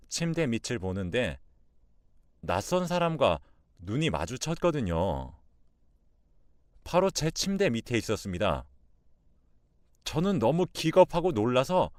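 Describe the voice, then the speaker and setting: A man in his thirties narrating a first-person radio drama story, calm in the telling and shouting at the tense moments. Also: mid-range voice, smooth, no room sound, clean studio sound.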